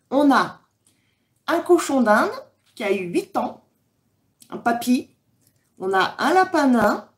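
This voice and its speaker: A woman from France, chatting casually with viewers on her livestream, rambling with many fillers. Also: on the high side. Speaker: livestream host. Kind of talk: casual live chat reading comments.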